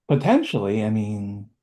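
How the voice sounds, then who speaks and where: A man's voice: on the low side, dark tone. A man hosting an online webinar, chatting casually in an upbeat way with lots of fillers. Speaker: webinar host.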